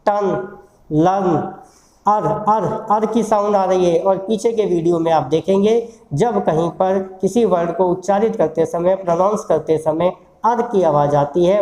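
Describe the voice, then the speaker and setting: An English teacher giving a recorded lesson on phonetic symbols, who says example words again and again, slowly, to model their pronunciation. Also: mid-range voice, warm tone, echoey room, rough recording. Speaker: English teacher at a law institute.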